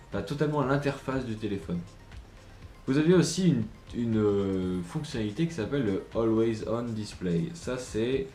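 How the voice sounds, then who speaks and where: A man's voice: lowish voice, darkish tone. A man giving a casual phone review, hesitant with many fillers and restarts. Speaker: tech reviewer. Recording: roomy echo with faint music.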